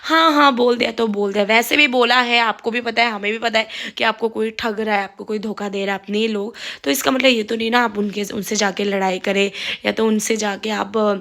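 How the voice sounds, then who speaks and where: Young adult woman, slightly raised pitch, frank and repetitive, chatting to camera while cooking. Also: fairly even intonation, a little fast, few pauses, fairly bright tone. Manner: frank, advice-giving, repetitive phrasing. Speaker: vlogger. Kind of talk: casual monologue to camera.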